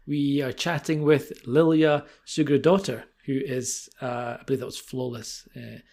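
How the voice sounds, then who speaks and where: Upbeat man with a gravelly edge. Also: mid-range voice, steady tone, darkish tone. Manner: upbeat, light-hearted, quick to laugh. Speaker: podcast co-host. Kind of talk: casual podcast intro chat.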